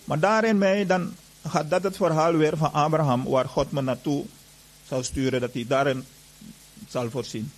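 A man's voice: on the high side, steady tone, normal speed, rough recording. A man giving an earnest personal testimony to an audience, retelling events with lots of reported dialogue.

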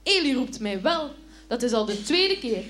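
A woman voicing the young boy Samuel in a children's Bible story, with a high, eager voice and quick, earnest replies. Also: very animated, a bit bright.

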